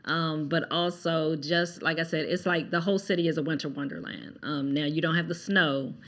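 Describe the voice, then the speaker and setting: Middle-aged woman co-host, measured delivery. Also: deep voice, fairly even intonation, fairly bright tone. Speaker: podcast co-host, travel concierge. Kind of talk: casual podcast chat.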